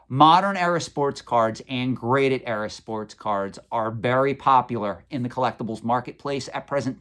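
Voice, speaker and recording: A man's voice: mid-range voice, fairly bright tone. Sarcastic, opinionated vlogger man. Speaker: collectibles channel host. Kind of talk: Q&A vlog answering viewer questions.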